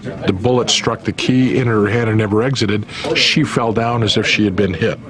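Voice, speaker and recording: A man's voice: lowish voice, normal speed, poor audio. A man speaking as a police detective, recounting cases matter-of-factly in a documentary interview. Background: music.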